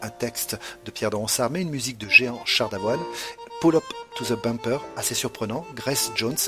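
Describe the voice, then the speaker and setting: A man hosting a show, casually running through a list of song titles with frequent hesitations and fillers. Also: mid-range voice. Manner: hesitant, many pauses and fillers. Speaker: radio host presenting a song medley. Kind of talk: casual spoken song-by-song rundown. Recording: music playing underneath.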